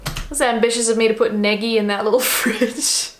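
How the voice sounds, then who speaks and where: A woman's voice: a little high, level tone, brisk. A woman with an Australian accent chatting casually and rambling in a self-mocking way as she reacts to an old video of herself. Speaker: vlogger.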